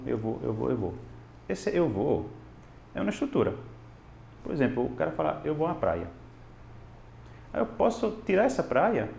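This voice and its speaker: Portuguese is his second language, yet he uses it to teach English in a relaxed video, switching into English examples with animated expression. His medium-pitched voice is creaky, the room echoey, and slight background noise can be heard.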